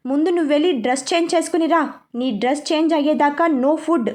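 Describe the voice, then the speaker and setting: A woman's voice: high-pitched, fairly quick, close to an everyday voice. A woman voicing a bold, caring young bride in a storybook reading, firm and insistent.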